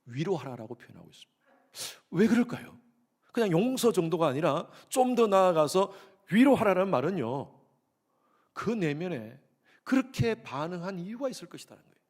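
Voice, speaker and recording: A man's voice: high-pitched, big pitch swings, moderate pace, darkish tone. A middle-aged man preaching a Sunday sermon as pastor, emphatic, repeating key phrases and asking the congregation questions. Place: church sanctuary.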